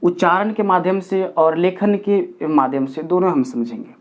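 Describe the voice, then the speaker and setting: A man's voice: sits high, moderate pace. A man teaching a grammar lesson at a board, counting aloud step by step and repeating key points for his pupils. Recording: dull lo-fi recording.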